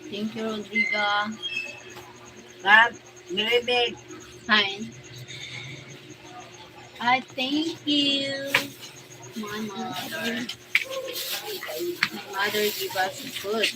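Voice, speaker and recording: A Filipino woman in her forties chats casually on a live stream from the Philippines, reading comments aloud, thanking viewers by name, and laughing often. Her voice is on the high side, with drawn-out words and long pauses, and the low-quality recording has music playing under her voice.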